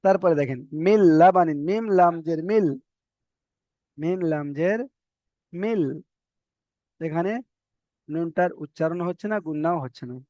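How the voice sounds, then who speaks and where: A man with a fairly high voice teaches a reading lesson, spelling out each letter and syllable in a slow, drawn-out way and stopping again and again to check that his students follow. The sound is dry and a little dull. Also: dark tone, dry recording.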